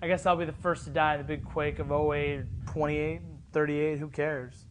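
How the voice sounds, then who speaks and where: A man's voice: a little high, level tone, moderate pace, slight background noise, close to an everyday voice, rough recording. A man playing a nonchalant city resident in a mock interview, wry and offhand. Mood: wry unworried. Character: nonchalant male Los Angeles resident, drily unworried.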